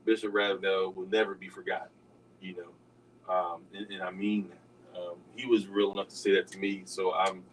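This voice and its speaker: An older man hosting a radio talk show, telling stories in a raspy, easygoing way. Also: low voice, level tone, moderate pace, far from the mic, slight background noise, low-quality recording.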